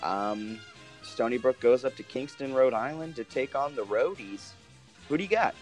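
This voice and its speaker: A man's voice: mid-range voice, animated, moderate pace, darkish tone, soft background music. A man co-hosting a casual sports podcast, chatty and laughing often, drifting into side tangents. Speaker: podcast co-host. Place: lives in Hoboken, New Jersey.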